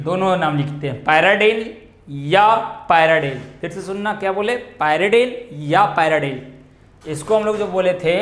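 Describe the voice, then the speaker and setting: High-voiced man teaching chemistry. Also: reverberant. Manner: questions and answers himself, drawn-out key terms. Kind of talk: classroom lecture on coordination compounds.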